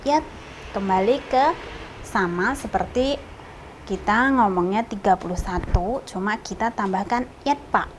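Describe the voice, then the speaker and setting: Slow-paced woman teaching a lesson. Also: medium pitch, a little hiss or hum, rough recording. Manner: slow, repeats example words in a lifted voice. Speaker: language teacher. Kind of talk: casual spoken lesson.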